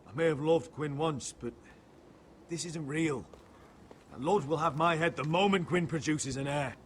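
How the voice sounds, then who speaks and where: An actor playing a bitter, determined young lord in a game drama, speaking forcefully and resolutely. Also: male voice, fairly high pitch, moderate pace, a little hiss or hum, natural voice. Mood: grim. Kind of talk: dramatic video game acting. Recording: music behind the voice.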